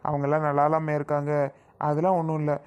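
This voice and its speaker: A woman's voice: low-pitched, little pitch movement, fast, a little mellow, dull audio, natural voice. A woman playing a young male groom in an amateur family drama skit, patient and reassuring, repeating the same point. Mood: insistent.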